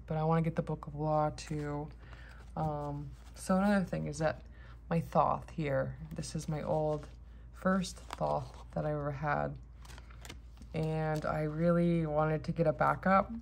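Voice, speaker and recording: A woman with a low voice talks in a loose, casual vlog style. She rambles sleepily, drifting from thought to thought and letting sentences trail away. A faint layer of background noise sits behind her speech. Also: a little mellow. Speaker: host of a tarot deck haul vlog.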